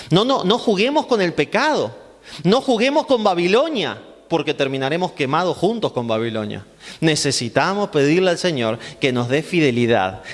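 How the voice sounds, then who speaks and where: A male pastor teaching a Bible class sermon, asking rhetorical questions and answering them himself, with emphatic repetition. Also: on the high side. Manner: emphatic, repeating phrases for stress. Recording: long hall reverb.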